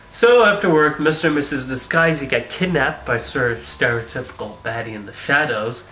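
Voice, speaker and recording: A man's voice: mid-range voice, fairly bright tone. A man narrating a scripted film review in a dry, sarcastic way. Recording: roomy echo.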